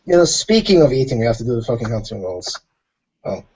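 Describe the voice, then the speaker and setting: A man's voice: mid-range voice, very animated, fast talker, darkish tone, husky. A man playing his character in a tabletop role-playing game, talking casually and filling his sentences with "you know" over a muffled voice chat recording. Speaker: player.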